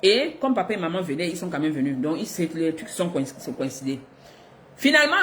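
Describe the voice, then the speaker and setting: Lively middle-aged woman telling stories. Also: on the low side, a little hiss or hum. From Africa. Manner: lively, expressive, laughs between lines. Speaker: vlogger. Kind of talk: casual storytelling to viewers.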